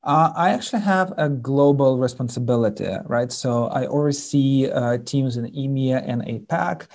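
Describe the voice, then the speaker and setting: Ukrainian guy on a podcast interview, mellow dark voice, lots of uh and restarts. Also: medium pitch. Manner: halting, many fillers and restarts. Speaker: sales executive guest. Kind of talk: interview conversation.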